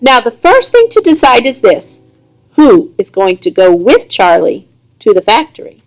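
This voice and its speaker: A woman reading aloud voices a sensible mother who keeps the family calm. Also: a little high, moderate pace, faint music behind, low-quality recording. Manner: soothing, level-headed.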